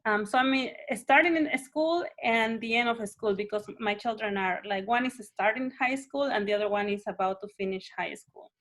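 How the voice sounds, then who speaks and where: A woman's voice: a little high, fairly quick, hardly any pauses, fairly bright tone. Peruvian-born woman, hesitant panelist. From Peru. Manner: hesitant, searching for words. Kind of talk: panel discussion on a video call.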